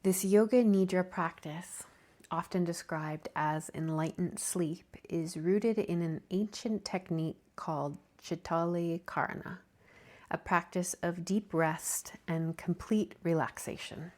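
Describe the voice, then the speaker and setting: Speaking in a soft, breathy way, this woman guides listeners through deep-rest meditation as a yoga nidra teacher. She keeps her slightly low voice calm and gentle, taking things at a very leisurely pace.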